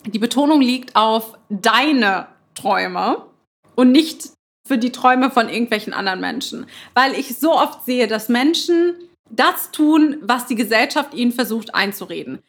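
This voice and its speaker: A woman's voice: on the high side, slightly rough. Earnest German woman hosting a motivation podcast. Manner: earnest, emphatic, repeats phrases, laughs lightly. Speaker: podcast host. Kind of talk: motivational podcast monologue, unscripted.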